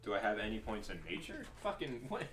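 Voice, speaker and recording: A man's voice: fairly low pitch, sing-song, quick pace, fairly bright tone, recorded from a distance. A man playing a tabletop game, bantering casually with sarcastic remarks and swearing, recorded off mic in an echoey room.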